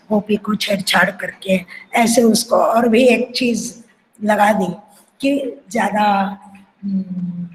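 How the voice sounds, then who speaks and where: Older woman teaching dance, slow thoughtful talk, sings little bits in between, light hiss behind. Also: mid-range voice, poor audio. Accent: Marathi. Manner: reflective, sings phrases to illustrate. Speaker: kathak guru teaching. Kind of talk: lecture with sung syllables.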